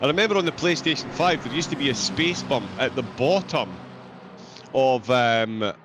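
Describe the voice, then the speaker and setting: A man's voice: medium pitch, animated, moderate pace. A man with a broad, thick Scottish accent giving conversational live race commentary, taking care to enunciate. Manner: careful to enunciate. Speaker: sim racing commentator. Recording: clear engine and car noise behind. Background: race car sounds.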